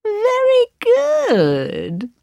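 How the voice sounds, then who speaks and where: A woman voicing a vain, cruel queen in a storybook reading, with slow, drawn-out theatrical lines. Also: very high voice, wildly swooping pitch, creaky, mellow, dry recording, voice pushed up, full character voice. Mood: gloating. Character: vain wicked adult queen, haughty and cruel.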